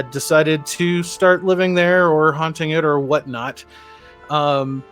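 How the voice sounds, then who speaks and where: A man running a tabletop game as game master, narrating with many fillers and pauses. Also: a little high, a bit bright.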